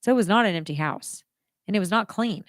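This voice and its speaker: A woman's voice: mid-range voice, expressive, fast, dry recording, studio quality. A woman hosting a radio show on her own, giving real estate advice in a chatty, emphatic way that speaks straight to listeners.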